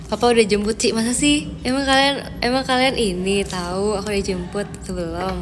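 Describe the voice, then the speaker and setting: A woman's voice: medium pitch, steady tone, a little fast, big-room sound, noisy background. A young woman chatting casually on a live stream, answering viewer comments with lots of fillers. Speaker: idol group member streaming live.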